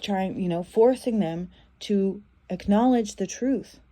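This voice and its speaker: A woman's voice: medium pitch, slow pace, warm tone. A woman giving a casual tarot reading, talking in a loose, repetitive way with many fillers and restarts. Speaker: tarot reader.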